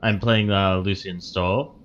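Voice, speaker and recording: Male tabletop player, slow and bright, playful and teasing, faint hiss. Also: low-pitched, steady tone, highs cut off. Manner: playful, laughs often. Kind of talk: casual livestream chat.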